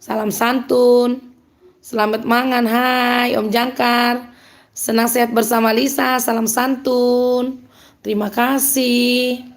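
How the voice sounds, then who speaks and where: Woman, Medan accent, slightly high voice, upbeat live-stream host chatting with viewers and laughing often. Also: flat delivery, slow pace. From Medan, North Sumatra. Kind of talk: live-stream chat reading out viewer comments.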